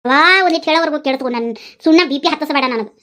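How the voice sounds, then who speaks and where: A woman's voice: high voice, racing, fairly bright tone. A woman voicing a pregnant young wife in a cartoon, defending herself to her mother in a North Karnataka Kannada accent. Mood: defensive. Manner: defensive, pleading, explaining.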